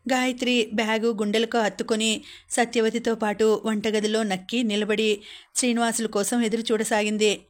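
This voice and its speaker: A woman narrating an audiobook novel in a steady, even storytelling manner. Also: a little high.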